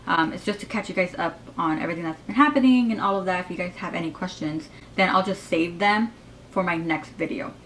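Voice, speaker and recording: A woman's voice: on the low side, a little fast, a bit bright, slight background noise, rough recording. A woman in her twenties with a slight lisp from braces, chatting casually in a rambling Q&A vlog with lots of fillers. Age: 20s. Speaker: YouTuber.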